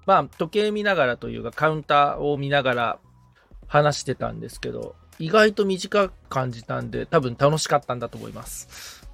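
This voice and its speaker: Animated and brisk, this man speaks at medium pitch with vocal fry and a fairly bright tone while faint music plays behind him. He is the podcast's assistant, also a guitar repairman, casually fielding the host's questions in an interview-style chat.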